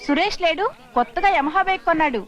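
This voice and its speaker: A woman's voice: very high voice, animated, fast talker, a bit bright, dull audio. An actress dubbing a breezy young woman student who talks offhandedly about romance. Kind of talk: comic film dubbing.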